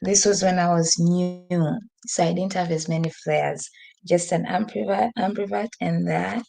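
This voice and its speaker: A woman live streams from her new home, seated at a desk by a window, in a warm, gravelly, fairly low voice with a steady tone. The podcast host speaks at normal speed, chatting, rambling and laughing frequently while saying she's losing her voice. Her computer microphone adds a little hiss or hum.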